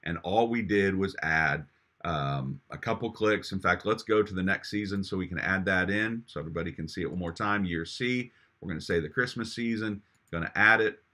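A middle-aged pastor records a screen walkthrough, his voice fairly low yet bright and forward. He talks with eager enthusiasm, pausing on ums and restarting phrases as he clicks along. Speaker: pastor giving a software tutorial.

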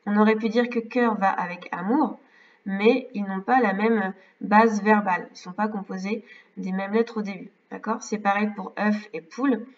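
A woman's voice: mid-range voice, steady tone. French schoolteacher woman, patient step-by-step correction, dull distant recording. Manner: slow, careful, explains step by step. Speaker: primary school teacher. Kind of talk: correcting exercises for young pupils. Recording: distant, slightly dull mic.

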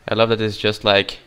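A man's voice: fairly low pitch, fairly bright tone, clear, resonant tone. A man hosting a casual co-op gaming session, joking and laughing often. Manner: giggly, jokey, laughs often. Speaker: let's play host.

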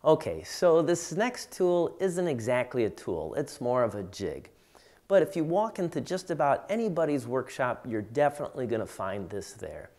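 A man's voice: medium pitch, very animated, normal speed, darkish tone, a little hiss or hum. A man in his forties teaching woodworking, explaining tools plainly and steadily as he demonstrates them in his workshop. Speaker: woodworking instructor. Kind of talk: tool demonstration tutorial. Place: home woodworking shop, indoors.

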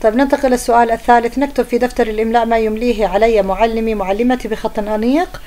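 Quick-talking woman teacher. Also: on the high side, fairly even intonation, mellow. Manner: patient, checks in with pupils often. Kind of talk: explaining a grammar lesson to pupils.

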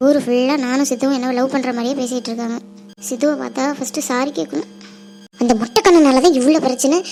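A woman playing a feisty young college woman who talks fast and scolds with quick teasing jabs. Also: high-pitched, mellow. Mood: worried. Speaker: college student. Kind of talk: village family drama acting.

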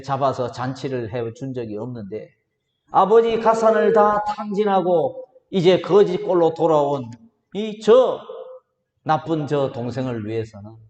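A man voicing a bitter, resentful elder son who complains loudly to his father, heard in a reverberant hall. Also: on the high side. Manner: complaining, raised and insistent. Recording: roomy church hall reverb.

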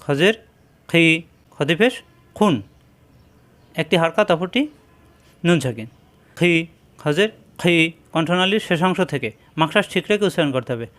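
A man teaching Quran reading, slowly spelling out Arabic letters and repeating each syllable for students to follow. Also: on the high side, lively intonation, a bit bright. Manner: slow, drilling repetition of syllables.

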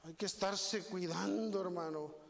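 A man with a Mexican Spanish accent preaching a sermon in a church, animated and folksy, often turning to the congregation with asides. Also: high voice, measured pace, creaky, crowd noise. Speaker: guest preacher. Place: church sanctuary. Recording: long church reverb.

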